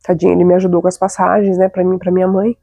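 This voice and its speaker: Fast-talking gravelly Brazilian woman. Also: lowish voice, completely flat delivery, mellow, dry recording, highs cut off. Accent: Brazilian Portuguese. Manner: chatty, confiding, frequent tag questions. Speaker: host. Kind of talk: casual personal storytelling.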